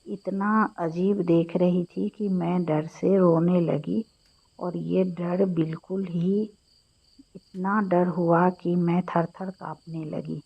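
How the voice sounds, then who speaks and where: A woman narrating a first-person horror story, slow, flat and hushed. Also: on the low side, creaky, husky. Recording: dull lo-fi audio with faint music.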